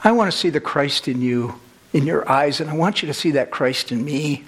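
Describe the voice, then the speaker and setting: A man preaching a sermon, earnest and storytelling, slowing down for emphasis. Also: fairly high pitch, breathy edge.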